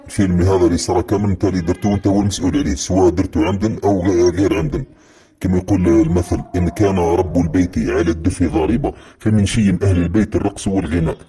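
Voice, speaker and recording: A man with an Algerian accent delivering a heated, accusatory monologue as a football commentator, repeating his points forcefully. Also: low voice, steady tone, very fast, slightly rough. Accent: Algerian Arabic. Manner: heated, accusatory, repetitive rant. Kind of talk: impassioned monologue.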